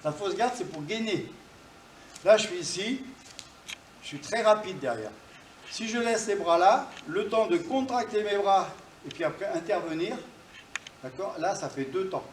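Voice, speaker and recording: A man's voice: high voice, lively intonation, measured pace, pauses often, slight background noise. A man teaching self-defense to a class, explaining each move while he demonstrates it and punctuating strikes with sound words. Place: dojo, indoors. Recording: roomy hall, distant mic.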